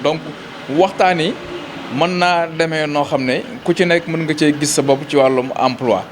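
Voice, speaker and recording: Speaking as a local official in an interview, a man with a Senegalese accent explains things in a fairly high voice, stopping mid-phrase and repeating words. There's noise in the background.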